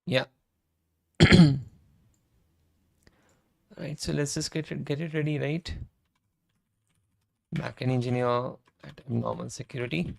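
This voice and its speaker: A software engineer live-streams his coding, chatting casually in a hoarse voice that's almost gone, often ending sentences with "right?" and clearing his throat. His mid-range voice holds a steady tone at a slow pace with frequent pauses, over keyboard typing and clicks.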